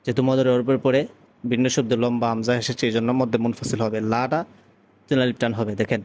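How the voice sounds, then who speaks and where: A man from Bangladesh teaching how to pronounce the call to prayer, explaining patiently and stopping often to chant long, drawn-out example phrases. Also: mid-range voice, level tone, a little mellow, a little hiss or hum. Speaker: azan teacher. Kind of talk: recitation lesson with chanted demonstrations.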